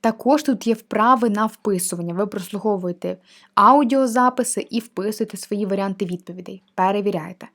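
A young female teacher walks through an online course, explaining each exercise type in a friendly, patient way. Her pitch is middling, and she talks plainly and clearly. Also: fairly quick, a bit bright. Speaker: language teacher reviewing a course platform. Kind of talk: screen-share walkthrough of a textbook.

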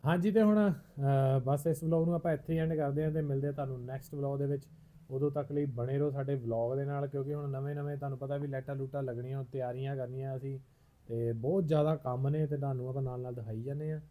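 A man's voice: medium pitch, fairly even intonation, fast talker, dark tone. A man with an Indian Punjabi accent speaking casually to viewers as a vlog host. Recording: thin, narrow phone-like sound.

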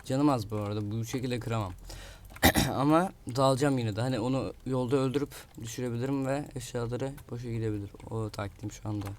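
A man at mid pitch talks through his game as he plays it, muttering to himself and grumbling at an annoying opponent. Faint noise sits under his voice. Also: fast. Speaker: gaming video creator. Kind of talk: live gameplay commentary. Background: keyboard clicks and typing.

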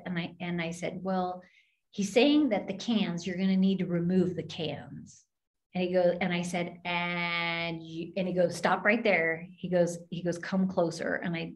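A woman minister telling a story in an open forum, acting out the voices of the people in it. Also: lowish voice. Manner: animated, acts out the voices in her story.

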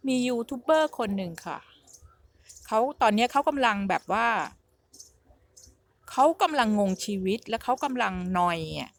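A woman's voice: fairly high pitch, lively intonation, normal speed, pauses often. A middle-aged woman vlogging in a casual, rambling storytelling style, often repeating herself as she talks.

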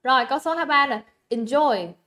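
A woman's voice: high voice, animated, fairly quick, sharp tone. Chatty Vietnamese woman teaching English live. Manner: chatty, coaxing, repeats words for emphasis and checks on students. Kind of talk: livestream exam review lesson.

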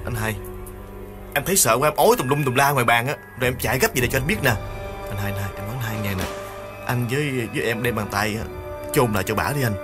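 A man puts on a panicked young thief in a storybook tale. He whimpers and begs in a shaky, hushed voice. Soft music plays behind him. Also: mid-range voice, fast, natural voice. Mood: frightened. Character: frightened young man, a small-time thief begging.

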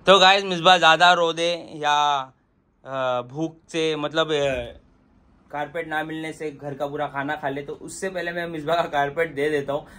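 A man's voice: on the high side, steady tone, unhurried, bright, forceful tone. A man teasing his wife about a missing carpet, telling the story playfully in a casual home vlog. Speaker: vlogger pranking his wife.

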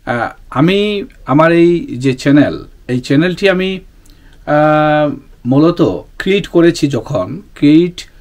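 A YouTube channel host from Bangladesh's Sylhet region speaks earnestly to his viewers in a casual monologue, often pausing with fillers and restarting sentences. His voice is fairly high-pitched, animated, and a little mellow.

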